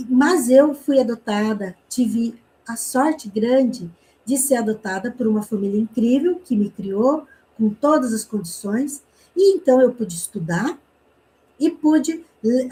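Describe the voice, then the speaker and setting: Sharing a personal story during her online communication class, this Brazilian woman from inner Paraná chats along, often tossing in tag questions and brief reenacted exchanges. She speaks at a fairly high pitch with a dark tone, over a rough recording.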